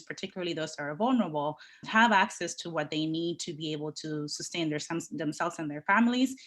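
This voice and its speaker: On a podcast, a workforce development leader from the Dominican Republic recounts her career path. Her voice is low and a bit bright, and her delivery is earnest and measured, with ideas laid out one item after another.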